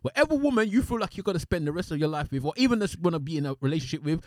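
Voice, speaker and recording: Emphatic, fast-talking London roadman podcaster. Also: fairly high pitch, lively intonation, dry recording, studio quality. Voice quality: street slang. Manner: emphatic, repeats points, talks over others. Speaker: podcast host. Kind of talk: casual podcast discussion.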